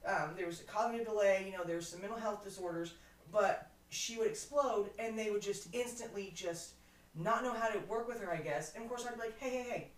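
Animated woman in a roomy distant mic. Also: medium pitch, brisk. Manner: animated storyteller, acts out her own quotes. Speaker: youth worker. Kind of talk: casual podcast chat.

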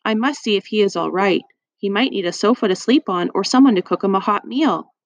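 A woman voicing a kindly, fretful dinner lady with a high, gushing manner. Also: brisk, no echo, close to an everyday voice. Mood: gentle. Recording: dry, slightly muffled.

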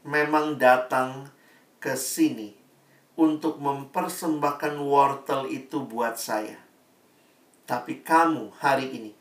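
Seorang raja yang bijak dan tenang, dibawakan oleh seorang pria, berbicara pelan dan terukur. Suaranya menggema di ruangan dan terdengar dari jauh. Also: male voice, medium pitch, fairly bright tone. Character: gracious, thoughtful old king. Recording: echoey room, voice from far off.

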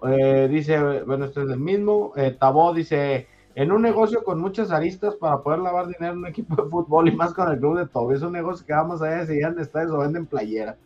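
A man, hosting a casual sports chat and reading listener messages aloud in a joking way. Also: fairly high pitch. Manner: joking, reads messages aloud in a quick, loose way. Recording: slightly dull sound, faint music behind.

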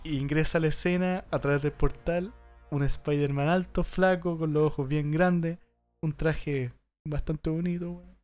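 A man's voice: fairly high pitch, unhurried, soft background music. A young man with a Chilean accent, chatting casually as a podcast host and retelling scenes with lots of slang. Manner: animated retelling with acted-out quotes and slang. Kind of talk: casual chat.

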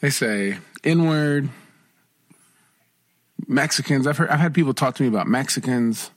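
Husky man telling a lively story. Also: mid-range voice, unhurried, no room sound. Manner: animated storyteller, acts out quoted voices. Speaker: podcast co-host. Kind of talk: casual podcast chat.

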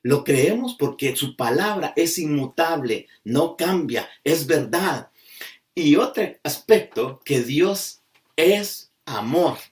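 A man preaching a sermon, slow and emphatic, stretching out key words as he drives a point home. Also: fairly high pitch, lively intonation. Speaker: pastor. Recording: voice from a distance off the mic.

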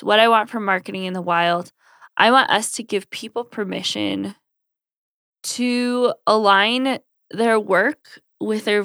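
A woman's voice: medium pitch, fairly bright tone, no echo, studio quality. A woman hosting a podcast, talking in a casual, conversational way to her listeners. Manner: conversational, voices imagined quotes. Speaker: podcast host. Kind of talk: casual solo podcast talk.

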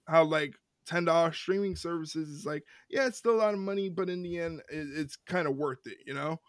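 A man co-hosting a casual wrestling podcast, ranting with lots of repeated words and quick laughs. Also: a little high, no echo, studio quality. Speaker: podcast co-host.

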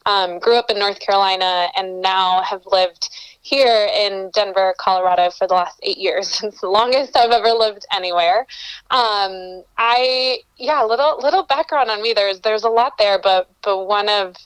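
A Colombian woman, an entrepreneur calling in remotely as an interview guest, answers in an earnest, reflective way and often restarts her phrases. Her mid-range voice has a clean tone at normal speed, with no echo, though the recording is rough.

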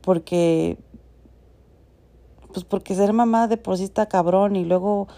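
A woman's voice: medium pitch, fairly even intonation, a little slow, dark tone. A Mexican woman in her thirties telling a personal story on her podcast, frank and chatty with casual swearing. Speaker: podcast host.

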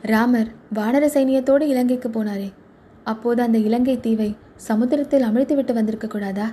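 A woman's voice: fairly high pitch, steady tone, moderate pace, mellow, slight background noise, lightly acted. Kannan, a woman reading as a bitter charioteer. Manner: gruff scolding, brooding. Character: proud bitter male royal charioteer, short-tempered. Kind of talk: storybook reading.

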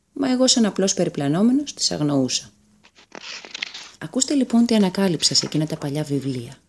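A woman narrating a fairy tale in a calm, measured storytelling manner. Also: medium pitch, creaky.

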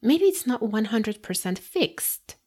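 A woman teaching a scripted podcast lesson, addressing the listener directly with guiding questions and pauses. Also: a little high, big pitch swings, darkish tone. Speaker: English teacher and podcast host.

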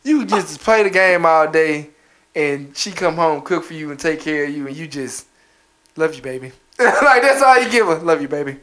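A man co-hosting a casual podcast, telling stories with lively swings and jumping high for quoted exclamations. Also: moderate pace. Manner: animated storytelling, jumps high for quoted exclamations. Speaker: podcast co-host.

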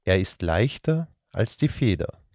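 Male storyteller for kids: low, husky, unhurried fairy-tale reading. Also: dry recording, studio quality. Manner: slow, calm, gravelly storytelling. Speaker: storyteller host. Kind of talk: fairy tale read aloud for children.

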